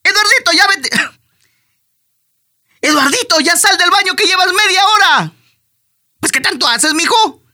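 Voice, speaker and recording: A man's voice: extremely high pitch, animated, measured pace, long pauses, pushed and bright, exaggerated voice. A man voicing a nagging mother who scolds her son. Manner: scolding, calling out.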